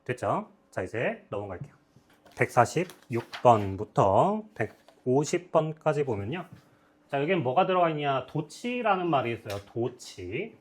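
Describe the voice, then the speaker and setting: Lively male English grammar teacher. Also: medium pitch, measured pace. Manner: explains step by step, checks often with "got it?". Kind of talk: grammar lecture.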